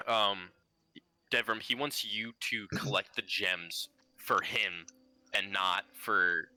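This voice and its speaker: Man, game master, low pitch, bright tone, casual rambling narration. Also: takes it slowly, rough recording. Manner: loose narration full of "like".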